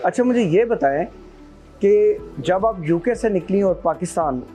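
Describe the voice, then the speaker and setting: A man interviews his guest, putting each question slowly with small pauses. His voice sits a bit high, and quiet music runs in the background. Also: lively intonation. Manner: measured questioning with hesitations. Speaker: interviewer, host.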